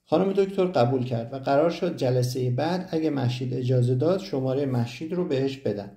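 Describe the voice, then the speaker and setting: A man narrating a first-person audiobook story in a steady storytelling manner. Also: medium pitch. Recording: roomy echo.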